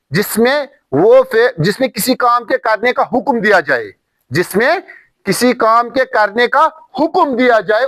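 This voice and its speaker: High-voiced man teaching slowly. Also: fairly bright tone, no echo. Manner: slow, repetitive drilling of word forms, emphatic examples. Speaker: Arabic teacher. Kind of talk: recorded language lesson.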